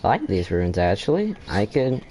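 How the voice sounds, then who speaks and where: Fairly low-pitched and a little mellow, this man's voice swings hugely in pitch at normal speed, with slight background noise. He gives easygoing let's-play commentary while playing a game's story quest, thinking aloud, often breaking off and restarting sentences, and reacting with short exclamations.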